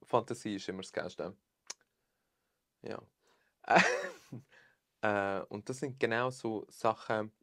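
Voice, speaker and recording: A young man with a Swiss German accent, chatting openly as a podcast guest, expressive and sprinkling in English phrases. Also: fairly low pitch, slow, long pauses, no room sound, studio quality. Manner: expressive, mixes English phrases, laughs often. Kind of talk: casual chat.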